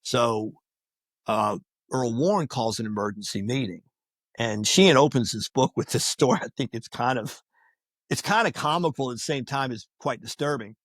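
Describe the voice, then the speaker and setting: A man talking casually on a podcast, telling stories in a lively way and acting out what people said. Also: mid-range voice, normal speed, no room sound, clean studio sound. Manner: animated, acts out quoted voices.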